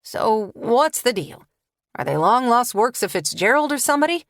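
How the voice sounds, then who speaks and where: A woman's voice: fairly high pitch, sing-song, moderate pace, no echo, studio quality. A woman narrator voicing a chatty, teasing male friend in an audiobook. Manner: teasing, casual.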